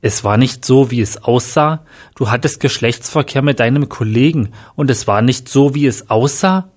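A man's voice: medium pitch, moderate pace, close to an everyday voice. A man voicing a hurt, reproachful young man in a read-aloud story. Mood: upset. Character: angry, tearful young man.

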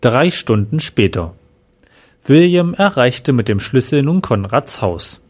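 A man reading a crime story as narrator in a steady, even way. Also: mid-range voice, slow, husky.

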